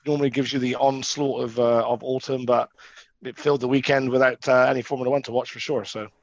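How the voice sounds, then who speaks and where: A man's voice: mid-range voice, flat delivery, fast talker, no echo, dull audio. A man co-hosting a sports show, talking through statistics in a casual, chatty way. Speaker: co-host presenting stats.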